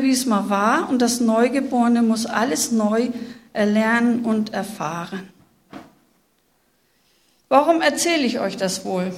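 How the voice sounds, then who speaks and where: Slow, expressive woman preaching. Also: fairly high pitch. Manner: slow, expressive, speaks to listeners directly. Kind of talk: sermon with Bible reading.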